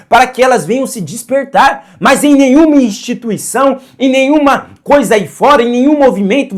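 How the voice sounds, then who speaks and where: A man's voice: very high voice, slightly rough. A man preaching a sermon to camera, earnest, posing rhetorical questions and answering them himself, and repeating phrases for emphasis.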